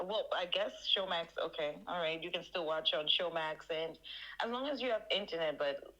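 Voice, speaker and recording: A woman co-hosting a podcast, chatting and explaining in a relaxed way. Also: fairly low pitch, moderate pace, highs cut off. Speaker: podcast co-host. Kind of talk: casual chat.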